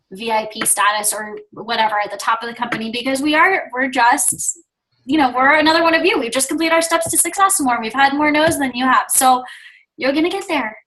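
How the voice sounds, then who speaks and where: High-voiced woman giving a pep talk. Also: sharp tone, rough recording. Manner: chatty storytelling, quotes others in their voices. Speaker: guest speaker, top-ranking distributor. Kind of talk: motivational video call talk. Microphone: video call.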